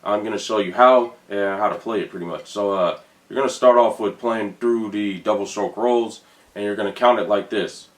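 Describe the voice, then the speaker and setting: A man's voice: lowish voice, fairly even intonation, echoey room. Casual man counting drum beats aloud. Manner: casual, counts beats slowly, uses fillers. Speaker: drum instructor. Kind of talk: counting aloud while demonstrating rudiments.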